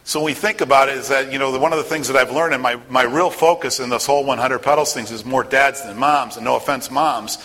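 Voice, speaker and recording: A man's voice: mid-range voice, fairly even intonation, quick pace, hardly any pauses, sharp tone, big-room sound, rough recording. A middle-aged man giving a motivational talk in an earnest, self-deprecating storytelling way. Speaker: speaker sharing a personal story.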